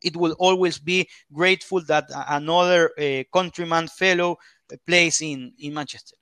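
A man from Ecuador, a football pundit in an interview, halting as he searches for English words. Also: a little high, fairly even intonation, fairly bright tone, clean tone, no echo.

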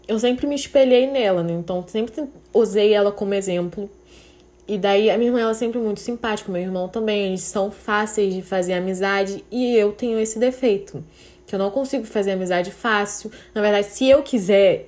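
A woman's voice: medium pitch, darkish tone. A young woman talking candidly and emotionally on her podcast, at times close to tears. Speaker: podcast host. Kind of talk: personal confessional podcast.

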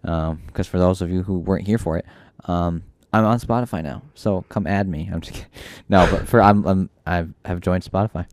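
A man with a very low voice chatting on a comedy podcast, rambling and cracking jokes between plenty of ums and uhs. The sound is close and dry, with no room around it. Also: brisk, hardly any pauses, a little mellow, no room sound. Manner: rambling, joking, lots of fillers. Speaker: podcast co-host. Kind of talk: casual comedic chat.

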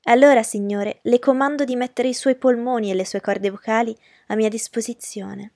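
A woman's voice: fairly high pitch, fairly even intonation, normal speed, darkish tone, no room sound, studio quality, natural voice. A woman reading aloud and voicing a proud, mocking young noblewoman who talks in a commanding, scornful way. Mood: haughty. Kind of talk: audiobook character reading.

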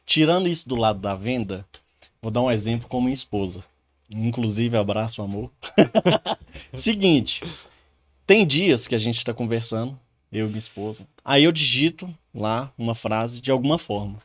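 A man's voice: mid-range voice, expressive, moderate pace. A man who is a sales specialist, speaking casually as a guest and telling everyday anecdotes to make his point. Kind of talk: casual interview talk.

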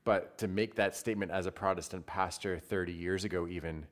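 A man's voice: deep voice, steady tone, brisk. A man, a Protestant pastor, talking in a casual discussion, thoughtful and hedging with fillers.

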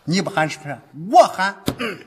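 A man's voice: high-pitched, big pitch swings, moderate pace, breathy edge, exaggerated voice. An actor playing a sly male mountain bandit who poses as a waiter, speaking, wheedling one moment and menacing the next. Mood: gloating. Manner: wheedling, then swaggering and menacing. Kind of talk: sitcom acting.

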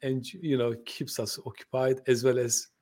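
A mid-range male voice, slightly mellow, with fairly even intonation and normal speed. He was born in Turkey, speaks Turkish natively, lives in the UK, and owns a translation company; here he is a podcast guest in a conversational interview, friendly but hesitant, with many fillers and restarts.

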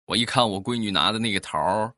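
A man, telling comic family anecdotes in an animated way. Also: lowish voice, quick pace, dry recording, studio quality. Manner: animated, acts out voices. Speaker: comic storyteller.

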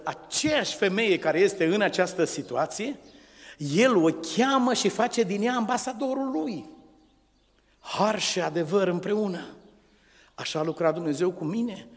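A middle-aged man with a Romanian accent, a pastor delivering a sermon with emphatic exclamations and hushed storytelling. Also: a little high, big-room sound.

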